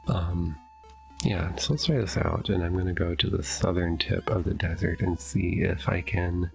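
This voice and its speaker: With soft background music underneath, a let's play host comments casually on his gameplay from his home basement. He is a middle-aged man, stuffy and sniffling, whose low, gravelly, darkish voice holds a steady tone at a moderate pace as he thinks aloud, hesitating and self-correcting.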